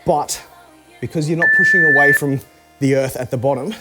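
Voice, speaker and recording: A man's voice: fairly high pitch, moderate pace, poor audio. A man coaching a live workout in a casual, conversational way, cueing exercise moves step by step. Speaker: fitness coach. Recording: music behind the voice. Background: music.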